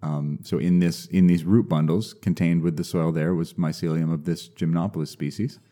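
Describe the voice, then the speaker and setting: A young man, a mycologist guest, talking casually and explaining things in a measured way with some restarts. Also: sits low, steady tone, warm tone. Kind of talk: casual podcast interview.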